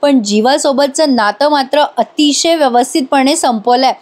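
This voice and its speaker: A woman's voice: sits high, moderate pace, a little mellow. A woman reviewing a TV serial in a voice-over, retelling scenes and chatting directly to viewers.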